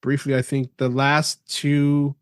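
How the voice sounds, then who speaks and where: A man co-hosting a podcast, talking casually in a measured way with many fillers. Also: mid-range voice, monotone, smooth, dry recording, studio quality. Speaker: podcast co-host. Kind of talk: casual chat.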